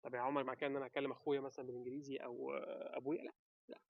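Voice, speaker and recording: An Egyptian man with an Egyptian Arabic accent gives casual advice to camera, animated and talking straight to the viewer with quick rhetorical questions. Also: medium pitch, gravelly, no echo, narrow, tinny audio. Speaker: vlogger giving advice.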